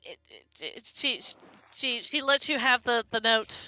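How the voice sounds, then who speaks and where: A woman's voice: a little high, a little slow, bright, forceful tone. A woman narrating a tabletop role-playing game as its game master.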